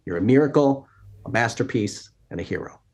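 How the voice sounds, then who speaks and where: A man's voice: mid-range voice, animated, a little fast, a little mellow. A man in his fifties, a podcast guest, talking in an earnest, inspirational way in a casual interview. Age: 50s.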